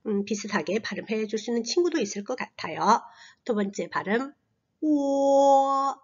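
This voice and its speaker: A woman teaching a slow, patient language lesson to children, modeling sounds in long drawn-out tones and dropping to a soft whisper on asides. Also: mid-range voice, highs cut off. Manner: drops to a breathy near-whisper on asides.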